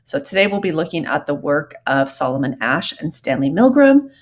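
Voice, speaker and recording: A woman's voice: deep voice, sing-song, normal speed. A woman from Southern California giving recorded psychology lecture notes in a conversational way, with frequent ums and the odd y'all. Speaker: psychology teacher.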